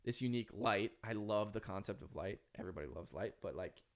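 A man's voice: lowish voice, animated, fast talker. Earnest man with a Minnesota accent. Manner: earnest, philosophical, emphatic. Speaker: author guest. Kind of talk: reflective podcast conversation.

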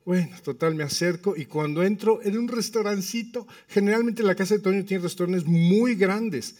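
Pastor with a higher, lively voice. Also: male voice, moderate pace, distant mic. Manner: lively, humorous storytelling. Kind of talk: sermon with personal anecdotes. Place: church.

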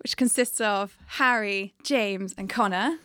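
A woman's voice: mid-range voice, a little slow, sharp tone, clean tone. A woman podcast host chatting casually as she interviews guests.

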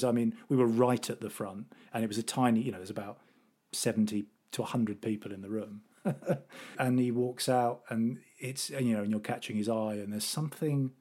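A middle-aged man from England chats on a podcast with eager, rambling enthusiasm. He keeps restarting his sentences as the stories pour out, and his voice sits at an ordinary mid pitch. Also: darkish tone. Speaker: podcast co-host. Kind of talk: casual chat.

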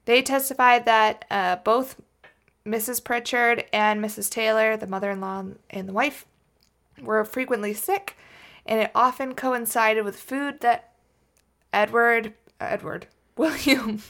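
A woman's voice: a little high, steady tone, unhurried, fairly bright tone. A woman co-hosting a casual true-crime podcast, rambling and joking and laughing often as she tells the case. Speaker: podcast co-host.

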